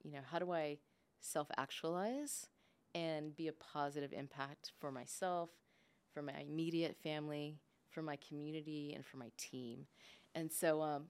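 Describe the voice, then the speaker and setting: Her voice sits low and sounds smooth. She is a podcast guest and business leader who was raised speaking both English and Spanish, and her relaxed, thoughtful talk is peppered with "like" and "right?".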